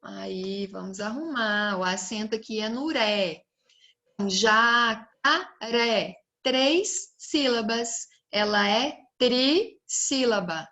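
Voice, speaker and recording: A woman's voice: medium pitch, lively intonation, slow, few pauses, a bit bright. A young Brazilian woman teaching a recorded lesson to children, stretching out words and asking the pupils questions. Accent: Brazilian Portuguese.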